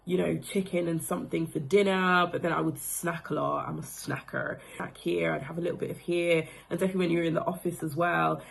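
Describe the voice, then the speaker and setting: A woman's voice: on the low side, fairly even intonation, fairly quick, vocal fry, hardly any pauses. A woman in her thirties from the Democratic Republic of Congo giving a casual, reflective testimonial about being coached, her phrasing loose and full of fillers. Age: 30s.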